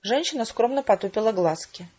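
A woman narrating an audiobook in an even, measured way. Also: a little high, husky. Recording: dull lo-fi recording.

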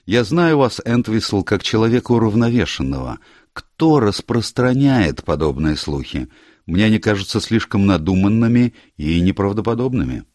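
A measured, dry-spoken middle-aged doctor, voiced by a man reading an audiobook. He sounds steady and careful, and his pitch moves lively while sitting a little above the reader's own low register. The recording is close and dry. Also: no echo. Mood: dry, skeptical. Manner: measured, dry, mildly surprised.

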